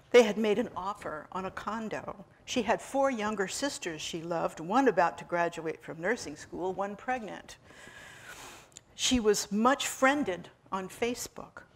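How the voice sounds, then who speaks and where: A woman author reading her own novel aloud in a wry, measured storytelling manner. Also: medium pitch, gravelly.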